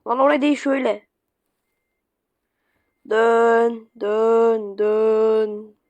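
A woman's voice: a little high, little pitch movement, extremely slow, darkish tone, dry recording. A woman giving chatty let's-play commentary to her viewers, swearing when flustered. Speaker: gaming YouTuber. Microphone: phone screen recording.

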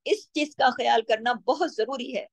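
A woman teaching Quran recitation rules, explaining patiently and slowing down to demonstrate each word in a drawn-out chant. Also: high-pitched, vocal fry, no room sound.

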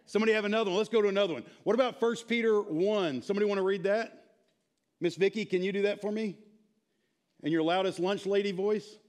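A man in his thirties teaching a church class in an animated, informal way, quizzing the group. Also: high-pitched, fast talker. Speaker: Bible teacher. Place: church sanctuary, speaking to a small audience.

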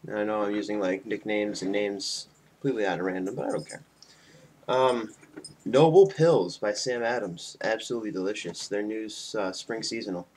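A man's voice: on the low side, normal speed, darkish tone, low-quality recording. A man in his twenties, tipsy from beer, rambling casually and loosely to his friends in a homemade webcam vlog. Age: 20s. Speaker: video blogger. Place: small indoor room at home. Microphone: webcam mic at about arm's length. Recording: faint noise on webcam audio.

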